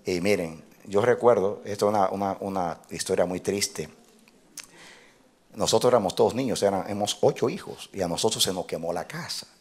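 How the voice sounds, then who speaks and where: A male pastor telling a personal story in a sermon, animated, often laughing and building up to loud exclamations. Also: low voice, fairly quick, slightly rough.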